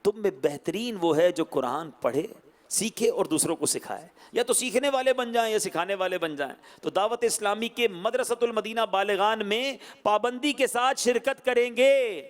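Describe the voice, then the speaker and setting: High-voiced man preaching a sermon. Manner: exhorting, animated, often rising in pitch.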